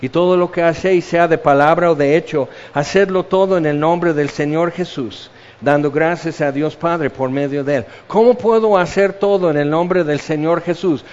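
A man's voice: a little high, moderate pace, darkish tone, in a large hall. A man preaching a sermon in a conversational way, acting out the quotes he uses. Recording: dull lo-fi sound.

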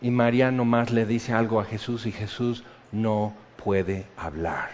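Animated preacher, dull lo-fi sound. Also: male voice, on the low side, measured pace, slight background noise. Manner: animated, swings from loud to hushed. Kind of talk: sermon.

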